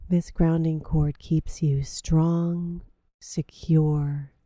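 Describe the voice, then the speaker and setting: A woman guides a meditation in a low, deeply mellow voice, drawing each phrase out slowly and softly. The recording is dry and close, with no room sound around her. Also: little pitch movement, no room sound. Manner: slow, soothing, drawn-out phrasing.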